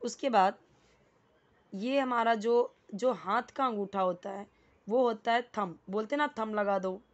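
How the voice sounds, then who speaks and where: A woman with a medium-pitched voice gives a casual lesson as an English teacher, patiently explaining and repeating words. She often checks in with the listener, and the audio sounds dull.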